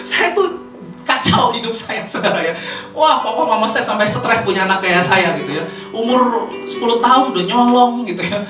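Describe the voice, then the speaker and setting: Lively woman preacher with a Jakarta accent. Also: on the high side, moderate pace. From Indonesia. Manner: chatty, laughs often, lively. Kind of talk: sermon. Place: church hall. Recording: echoey hall, far from mic, faint music.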